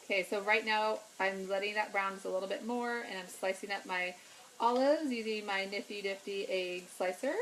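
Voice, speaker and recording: A woman's voice: medium pitch, normal speed, fairly bright tone, a little hiss or hum, poor audio. A middle-aged woman hosting a live cooking video at home, chatting with viewers and greeting them by name as she cooks. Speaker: cooking vlog host. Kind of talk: casual live-stream cooking chat.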